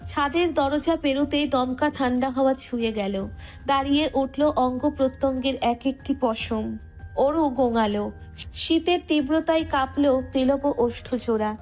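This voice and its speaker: High-voiced woman narrating over music. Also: a little slow, a little mellow. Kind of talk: scripted romantic story narration.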